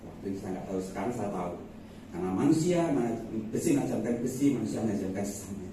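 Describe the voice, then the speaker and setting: Animated preacher in an echoey church. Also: male voice, on the low side, very fast. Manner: humorous, animated storytelling with chuckles. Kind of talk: Sunday sermon with personal stories. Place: church sanctuary. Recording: echoey church hall, distant mic, faint noise.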